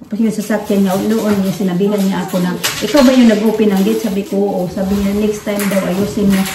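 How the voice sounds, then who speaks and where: Her mid-range voice comes out brisk and flat as she rambles to viewers, full of fillers and restarts. She's a vlogger from the Philippines, caught at a distance from the microphone in a roomy setting with faint noise.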